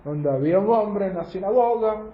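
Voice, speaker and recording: A man's voice: sits high, animated, normal speed. Male religious teacher, sermon-style, rhetorical questions, reverberant lo-fi room recording. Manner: asks rhetorical questions and checks understanding with "¿ok?". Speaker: teacher of a Torah study group. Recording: roomy, dull lo-fi sound.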